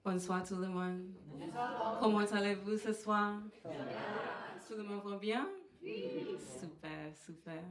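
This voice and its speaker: A woman from Trinidad and Tobago with a Trinidadian accent, performing stand-up comedy in a halting way with many fillers. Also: medium pitch, big pitch swings, a crowd in the background. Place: comedy venue. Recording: roomy live venue sound.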